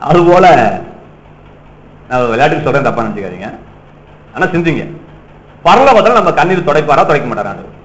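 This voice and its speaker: A man's voice: on the high side, sing-song, a little fast, pauses often, reverberant, muffled recording. A male pastor preaching a sermon in a teasing, questioning manner, calling on the congregation for applause and amens.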